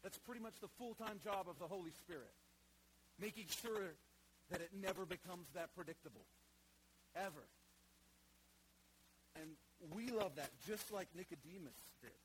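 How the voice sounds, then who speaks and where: A male pastor delivers a sermon in a voice that sits a little high for a man. He drops into soft, low reflection, then drives points home with loud, emphatic repetition. A steady hum runs clearly beneath the recording. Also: moderate pace, long pauses, poor audio.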